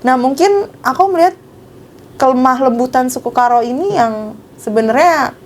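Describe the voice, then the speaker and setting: A woman's voice: high-pitched, normal speed, slight background noise. A young woman, a pageant titleholder, chatting casually as a guest, giggling often and filling her talk with little fillers. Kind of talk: casual chat.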